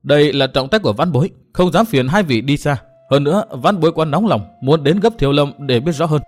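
A man's voice: on the high side, lively intonation, fairly quick, soft background music. A man doing a cold young swordsman. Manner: cold, terse, formal.

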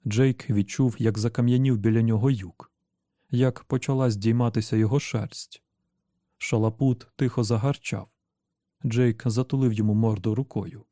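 A male audiobook narrator reads in a steady, measured way. His voice is very dark and mellow, and the recording is close and completely dry. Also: medium pitch, no room sound. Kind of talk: scripted narration.

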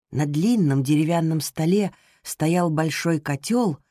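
A woman reading a children's storybook aloud in a calm, even manner. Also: lowish voice, breathy edge, no echo, studio quality. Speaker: narrator. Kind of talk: audiobook narration.

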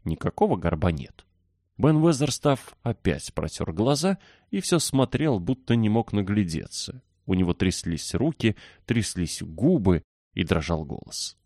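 A man narrating a children's novel as an audiobook, reading in a steady, expressive way. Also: fairly low pitch, measured pace, no echo, clean studio sound. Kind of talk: scripted narration.

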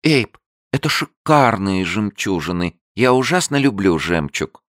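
A man voicing a shrill, whiny young actress. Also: big pitch swings, unhurried, fairly bright tone, no room sound, clean studio sound. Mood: excited. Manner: shrill plaintive cries.

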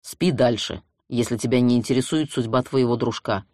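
Audiobook figure: a brusque male police contact, read by the narrator who clips his sentences and delivers news bluntly. The voice sits at a middling pitch and is recorded dry and close, with no room sound. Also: normal speed, darkish tone, no room sound, lightly acted. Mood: curt. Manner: curt, brusque. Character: gruff male police friend on phone.

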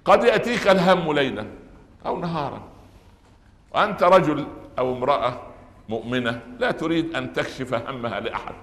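Egyptian preacher in an echoey hall. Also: male voice. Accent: Egyptian Arabic. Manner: emphatic, rising to loud high peaks then dropping low; asks rhetorical questions and answers them. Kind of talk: Friday sermon. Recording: echoey hall with long reverb.

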